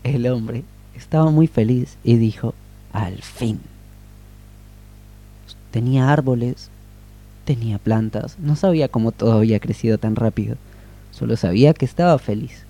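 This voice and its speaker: A man improvising and telling a children's story on a radio show, in a gentle, unhurried way. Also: mid-range voice.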